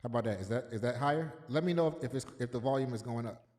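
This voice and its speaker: A man hosts a casual livestream in a mid-range, darkish voice, talking very fast. He speaks loosely and repeats himself, greeting chat viewers by name. Every phrase trails off into a long, echoey reverb.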